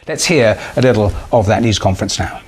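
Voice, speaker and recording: A man works as a live newsreader. His voice is on the low side as he presents. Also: a little fast, slightly rough. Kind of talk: live news reading.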